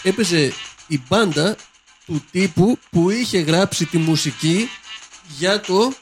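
A man's voice: high-pitched, soft background music. A man on a casual podcast, a musician, telling a rambling anecdote. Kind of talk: casual storytelling chat.

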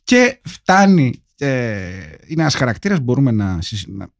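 A man's voice: medium pitch, very animated, no echo. A man co-hosting a casual film podcast, retelling the story with dry humor. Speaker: podcast co-host. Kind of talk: casual comedic film-review chat.

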